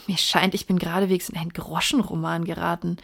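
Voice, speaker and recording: A woman's voice: on the low side, little pitch movement, quick pace, gravelly. A woman reading the part of a plainspoken young male baronet raised in America, in an audiobook.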